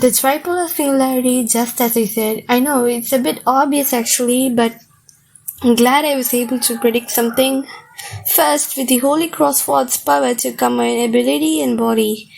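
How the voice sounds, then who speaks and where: A young woman casually reacting to a manga chapter, reading panels aloud between excitable, slangy asides. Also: high-pitched, moderate pace, vocal fry, poor audio.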